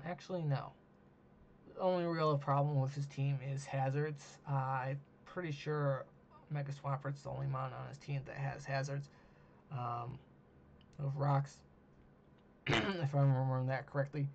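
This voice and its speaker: A man hosting a solo monologue, talking casually with many ums and uhs, losing his voice and clearing his throat. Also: medium pitch, a little mellow. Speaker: host. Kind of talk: solo monologue ranking teams. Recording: dull lo-fi mic with faint hiss.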